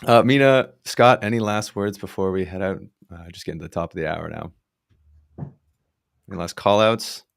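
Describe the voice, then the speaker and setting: A man with a very low voice hosts a casual tech show. He talks in a relaxed, chatty way, full of "uh" and "you know". The sound is dry and close, with no room echo. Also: moderate pace, creaky, pauses often. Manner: relaxed, chatty, filler-heavy. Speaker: podcast host.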